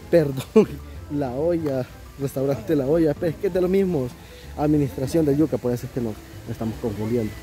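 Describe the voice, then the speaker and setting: Soft music plays behind a warm, mid-range male voice moving at a normal speed. The speaker, a Salvadoran-accented man, hosts a relaxed travel vlog at a riverside restaurant outdoors, staying chatty, upbeat and quick to laugh.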